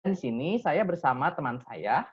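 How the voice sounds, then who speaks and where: A man's voice: fairly high pitch, lively intonation, moderate pace, slightly rough, highs cut off. A young man, a student team leader, giving an earnest essay presentation and leaning on frequent filler words as he explains. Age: young adult.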